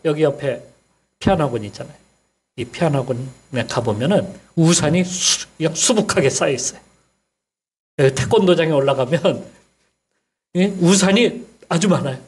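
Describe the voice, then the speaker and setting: A male pastor giving a sermon in a conversational way, often checking in with the congregation and rising to emphatic high bursts. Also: a little mellow, breathy edge. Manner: prods the congregation with frequent "eh?" tags. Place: church sanctuary.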